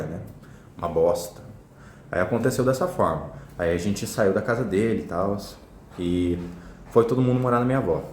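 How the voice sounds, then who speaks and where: Young man, blunt slangy storyteller, quick delivery, roomy echo. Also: deep voice, a little mellow, slight background noise. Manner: blunt, slangy, swears a lot. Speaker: vlogger telling a personal story. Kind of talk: casual storytelling to camera.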